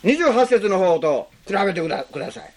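A pastor delivers a sermon with an extremely animated, swooping pitch. The preacher keeps putting questions to the listeners and drops short tag words between phrases, drawing out key words and then hurrying through the explanations. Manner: rhetorical questions to the congregation; slows on key phrases, speeds up when explaining.

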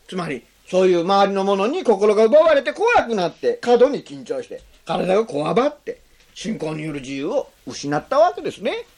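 Preaching with great animation, this pastor has a mid-range, darkish voice and questions his congregation often, sprinkling tag words between phrases. Key phrases come out slowly, while his explanations speed up.

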